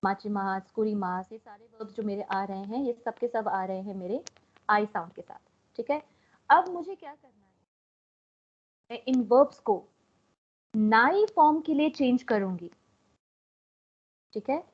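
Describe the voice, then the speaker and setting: Indian lady teaching online, slow deliberate pace, muffled lo-fi mic, keeps asking students to unmute and answer. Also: on the high side, animated. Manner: mixes Hindi and English, coaxes students to answer. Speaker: Japanese language teacher. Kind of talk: online class lecture. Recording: dull lo-fi online call audio.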